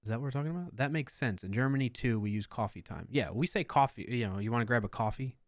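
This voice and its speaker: A man hosting a casual live coding stream, chatting with his viewers and wandering off on friendly tangents as he works. His voice sits at an ordinary middle pitch. The sound is close and dry. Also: quick pace, no room sound. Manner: chatty, talks to chat, rambling asides. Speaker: livestream host.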